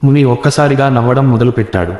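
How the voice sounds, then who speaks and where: A man telling a first-person horror story in a measured, suspenseful way. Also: medium pitch, darkish tone. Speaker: narrator. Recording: roomy echo with long reverb.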